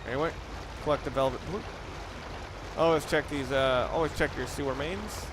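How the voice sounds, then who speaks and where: In a clearly noisy home recording with music in the background, a man plays a video game as a let's play commentator. His mid-range voice moves at a moderate pace, giving casual, hesitant, stop-start commentary.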